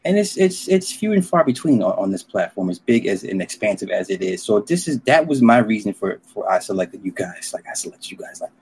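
A man's voice: on the low side, very animated, brisk, few pauses, darkish tone, husky, poor audio. A middle-aged man in a casual chat, telling rambling stories full of slang and swearing. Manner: profane, slangy, rambling storytelling.

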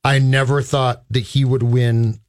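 A man's voice: medium pitch, level tone, measured pace. A man trading casual banter as a sports talk radio co-host.

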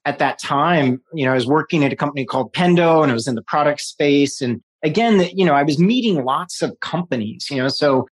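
Brisk and barely pausing, a man in his forties from New York City speaks in a higher voice with lively intonation during a casual interview. As a guest he rambles, restarts frequently, fills gaps with fillers, and often laughs.

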